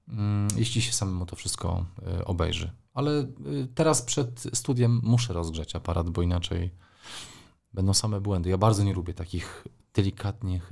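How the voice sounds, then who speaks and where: A middle-aged man with a very low voice speaks as an interview guest. He answers with care, pausing often on fillers as he works through his thoughts. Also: creaky, a little mellow. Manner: thoughtful, with frequent hesitations and fillers. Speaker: sports journalist, guest.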